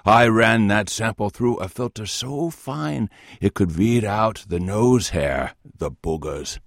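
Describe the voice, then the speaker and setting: A man's voice: lowish voice, expressive, vocal fry, no room sound, studio quality, heavily acted. A man playing a proud, droll German microbiologist in a children's audio skit. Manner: deliberate, droll.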